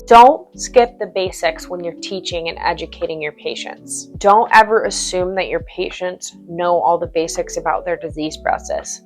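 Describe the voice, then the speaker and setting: Frank, lively woman nurse vlogger. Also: lowish voice. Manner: frank, animated, acts out chirpy patient small talk. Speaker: nurse and channel host. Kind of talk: advice vlog talking to camera.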